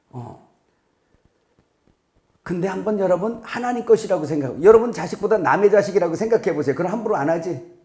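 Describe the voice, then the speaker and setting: A middle-aged male pastor preaching a sermon in a conversational way, asking the congregation questions and now and then breaking into loud, sharp imitations of scolding parents. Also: sits high, roomy sound. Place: church sanctuary.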